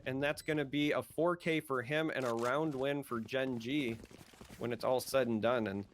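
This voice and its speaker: A man's voice: medium pitch, steady tone, moderate pace, a little hiss or hum. A man with an American Midwest accent giving play-by-play commentary as an esports caster, lifting his voice on big plays.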